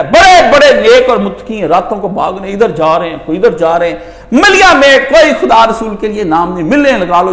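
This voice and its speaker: A man preaching an impassioned, rhetorical sermon that swings between loud and soft. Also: high-pitched. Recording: echoey room.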